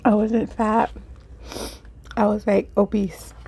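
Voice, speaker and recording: Woman chatting casually, gravelly mellow voice. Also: medium pitch, level tone, slow pace. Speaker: mukbang video host. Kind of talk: casual eat-with-me chat. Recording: faint background noise.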